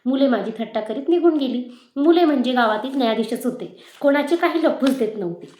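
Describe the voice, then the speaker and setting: Woman teacher reading a story aloud. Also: high-pitched. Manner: measured, expressive reading. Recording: echoey room.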